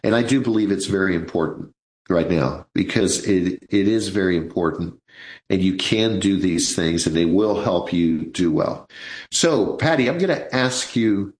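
A man's voice: deep voice, normal speed, reverberant, low-quality recording. A man in his sixties hosting a live financial radio show, chatting in a folksy way and calling his listeners folks. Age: 60s.

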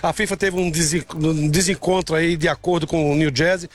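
A man's voice: on the high side, steady tone, fairly quick. A man from Brazil, interviewed outdoors in a city square, who talks freely and stumbles over some words. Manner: talkative, with stumbles and repeats. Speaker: interviewee, fan on the street.

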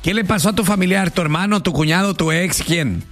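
A man's voice: sits high, fairly quick, fairly bright tone, soft background music. Slangy radio host, man. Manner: chatty, slangy, friendly. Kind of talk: casual call-in radio chat.

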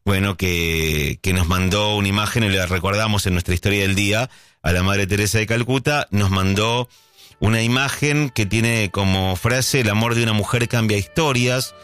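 Argentine man, low voice, hosting a relaxed late-night radio show over faint music. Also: moderate pace, clear, resonant tone, no room sound. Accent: Argentine Spanish. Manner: musing, reminiscent, relaxed, speaks over soft music. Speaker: radio host.

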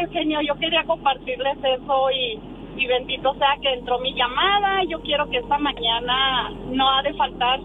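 A woman's voice: high voice, a little hiss or hum. A middle-aged woman from Texas, raised in the Valle de Juárez, calling in to a radio show, chatty and devout. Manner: warm, devout, chatty with fillers. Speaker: caller. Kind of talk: phone-in radio call. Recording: phone call aired on radio with music.

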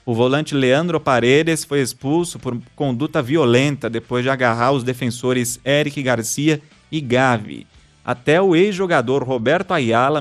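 A man hosting a news podcast, reading stories and listener messages in a scripted style. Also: medium pitch. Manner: reads listener messages aloud.

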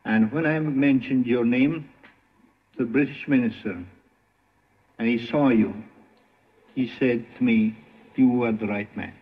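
An old archive broadcast recording of a priest giving a prepared radio tribute. He speaks in a slow, measured way at a middling pitch. The sound is thin, narrow and phone-like, with a long echo as if heard in a hall.

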